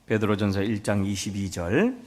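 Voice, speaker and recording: A man's voice: lowish voice, animated, normal speed, a little mellow. A man preaching a sermon as a pastor, telling folksy stories and acting out family dialogue. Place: church sanctuary.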